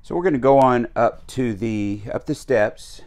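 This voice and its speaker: A man giving a casual walkthrough tour of a travel trailer. He talks in a relaxed, chatty way with frequent fillers, recorded on a handheld camera mic while he walks around inside. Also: medium pitch, moderate pace. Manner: easygoing, chatty, with frequent uh fillers and small restarts. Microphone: handheld camera mic while walking.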